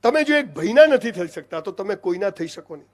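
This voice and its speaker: Speaking a little fast with big swings in his high-pitched voice, a middle-aged man with a Gujarati accent gives an emphatic motivational talk. He keeps calling his listeners "saheb" and "boss."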